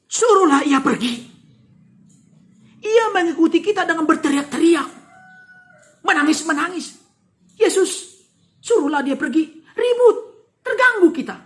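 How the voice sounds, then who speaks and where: A woman's voice: extremely high pitch, lively intonation, unhurried, long pauses, pitched above the performer's own voice. A woman preacher voicing a group of irritated male disciples complaining about a noisy stranger. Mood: annoyed. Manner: annoyed, complaining.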